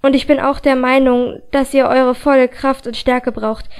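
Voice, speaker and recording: Give me a high-pitched woman reading a novel aloud in a calm, steady storytelling voice. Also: normal speed, smooth. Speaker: audiobook reader. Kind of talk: first-person audiobook narration.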